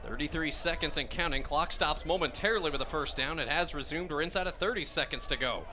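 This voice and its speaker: Speaking at a quick pace with a slightly high voice, an American man delivers live radio play-by-play of a football game. Behind him, the outdoor stadium roars loudly.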